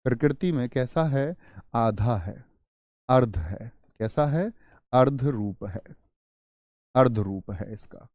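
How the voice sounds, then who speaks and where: A man's voice: mid-range voice, animated, takes it slowly, pauses often, darkish tone, no room sound. A man teaching a beginner lesson, repeating phrases, asking the class questions and acting out the students' imagined replies.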